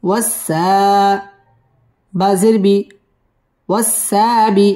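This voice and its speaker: Patient woman reciting teacher, slow deliberate spelling, drawn-out chanting. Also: mid-range voice, warm tone, faint music behind. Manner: spells letters syllable by syllable, then chants the verse slowly. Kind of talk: slow spelling-out tajweed lesson.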